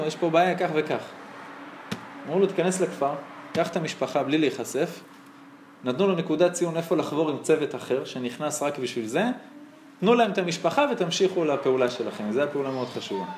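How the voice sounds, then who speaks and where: A man's voice: fairly high pitch, darkish tone, a little hiss or hum. A man, a rabbi, preaching a sermon and telling stories, his voice rising and dropping sharply. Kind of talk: sermon with storytelling. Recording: roomy echo.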